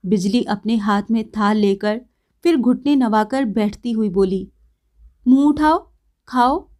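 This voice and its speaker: A woman narrating a story in a measured, unhurried reading. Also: mid-range voice, steady tone, warm tone.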